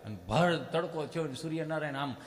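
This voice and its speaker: Kathiyawadi male stage comic, high ringing voice, animated delivery with loud calls, live hall reverb. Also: fairly quick. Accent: Kathiyawadi Gujarati. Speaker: stage comedian. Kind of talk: live folk humor storytelling.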